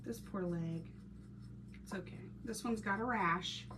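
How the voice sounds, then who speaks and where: A woman's voice: medium pitch, measured pace. A woman with a Texan accent chatting casually on a live stream while she paints crafts, laughing often and greeting viewers by name. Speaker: craft channel host reading live chat. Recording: noisy background hiss.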